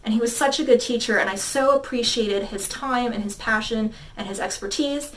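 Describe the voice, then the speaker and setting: A woman's voice: a little high, moderate pace, recorded from a distance. A woman in her thirties, a tarot reader, telling a personal story in a chatty, rambling way full of fillers and quoted dialogue. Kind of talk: casual storytelling to camera.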